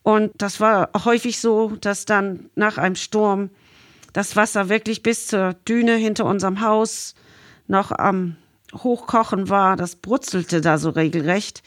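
A middle-aged Irish woman, a marine scientist appearing as an interview guest, reminisces and tells stories in a conversational way. Her mid-range voice is steady and unhurried, recorded in studio quality with no echo.

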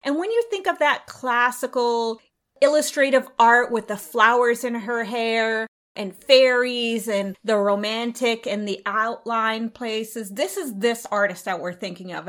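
Enthusiastic woman podcast co-host, higher voice. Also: fairly bright tone. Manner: enthusiastic, descriptive. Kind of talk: casual travel podcast chat.

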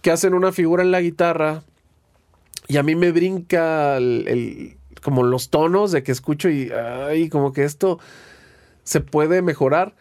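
A Mexican man in his younger years chats casually as an interview guest, his voice sitting a little higher than most men's. He wanders through stories in loose slang, restarting his sentences as he goes. The sound is dry and close, with no room around it. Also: measured pace, no echo. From Guadalajara, Mexico. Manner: relaxed, rambling storytelling with slang and restarts. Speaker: guest, guitarist and producer.

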